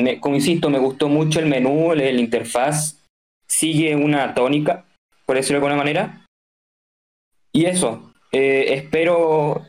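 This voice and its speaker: A man on a podcast reviewing an indie game. He talks casually and pauses often with fillers, giving measured criticism. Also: mid-range voice, a little mellow. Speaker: podcast co-host reviewing games.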